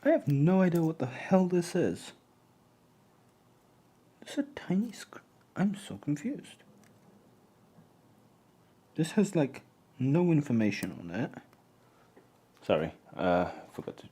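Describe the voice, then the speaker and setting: A little high and sing-song, warm but slightly rough, the voice belongs to a Polish-born, mostly English-raised man dismantling an old camera on a live stream. He speaks at a measured pace with long pauses, restarting sentences and murmuring as he works.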